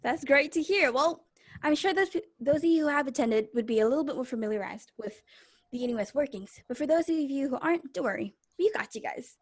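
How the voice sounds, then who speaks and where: Young woman, high voice, upbeat host, chatty, video call audio. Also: expressive, a little fast. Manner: upbeat, chatty, addresses audience directly. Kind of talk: live online show hosting. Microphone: video call mic.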